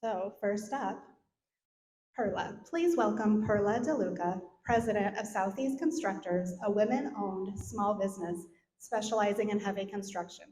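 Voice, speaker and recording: On stage in a large event hall, a middle-aged woman delivers a scripted speech and introduction as the event sponsor who introduces the speaker. Her voice is medium-pitched and darkish, and her pace is moderate. The hall is echoey, with faint noise in the background.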